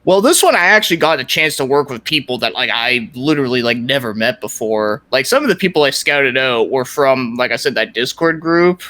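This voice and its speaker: A man, a YouTube content creator appearing as a podcast guest, chats casually about his projects and gaming. His medium-pitched voice is animated, brisk and sharp, with few pauses. He rambles informally, peppering his talk with "like," other fillers and mild swearing.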